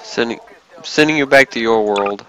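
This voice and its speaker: A tipsy man giving rambling, swearing commentary while he plays a game, bursting into yells and laughs. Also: medium pitch, moderate pace, a little hiss or hum, low-quality recording. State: tipsy from drinking. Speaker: gamer streaming his play. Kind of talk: casual gaming commentary.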